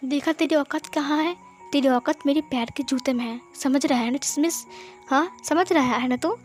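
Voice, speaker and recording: An arrogant young bully sneers and taunts his victim, as a woman plays him. The voice sits high, with faint music underneath. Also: normal speed, close to an everyday voice. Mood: taunting.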